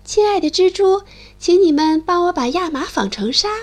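A woman voicing an eager, excited little male mole who pleads and calls out for help. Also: extremely high pitch, moderate pace, voice pushed up. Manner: pleading, chirpy, cries out loudly.

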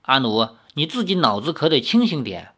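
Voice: medium pitch, big pitch swings, moderate pace, a bit bright, slightly rough. Reader voicing stern elder sister, commanding, suspicious, admonishing, storybook reading. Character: stern older sister in arms, cautious and commanding. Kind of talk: audiobook character voicing.

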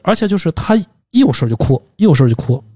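A man's voice: on the high side, very animated, quick pace, warm tone, slightly rough, no echo, clean studio sound. A man hosting a casual podcast about films, talking in thoughtful, rambling runs with hesitations. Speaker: podcast host. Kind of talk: casual film discussion.

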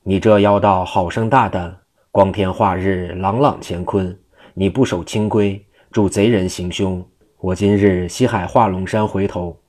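A man's voice: deep voice, steady tone, measured pace, a little mellow. A man reading the lines of an ancient male monk spirit in a storybook tale, solemn and warning.

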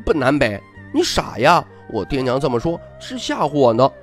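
A man's voice: mid-range voice, very animated, normal speed, soft background music, natural voice. A man voicing a naive, bold little girl who talks bluntly and bosses her friend around in a storybook reading. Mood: matter-of-fact. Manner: chirpy, blunt, playfully bossy.

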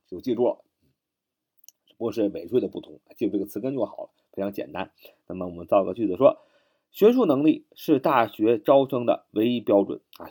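With a dark tone at medium pitch, a man teaches English words in a spoken lesson. Patient and repetitive, he spells them out one letter at a time and lets his phrases end on drawn-out particles.

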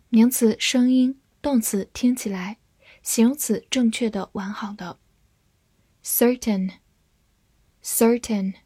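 Slow, husky-voiced woman teaching vocabulary. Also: a little high, mellow, dry recording. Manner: spells words letter by letter and reads example sentences slowly. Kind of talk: scripted vocabulary lesson.

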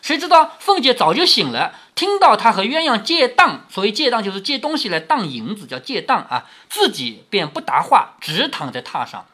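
A man's voice: high-pitched, big pitch swings, moderate pace, few pauses, bright, forceful tone. A man reading a classic novel aloud and breaking off to explain it in a chatty way, often asking rhetorical questions. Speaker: storyteller reading a classic novel to his daughter. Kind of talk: storytelling with commentary.

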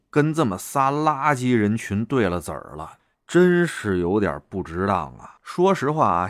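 A man's voice: fairly low pitch, no room sound, studio quality. A man telling a story in a chatty, colloquial monologue, with heavy erhua.

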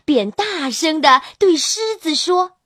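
A woman storyteller reading a children's storybook in an animated, sing-song, expressive way. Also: high-pitched, slow pace, no room sound, studio quality.

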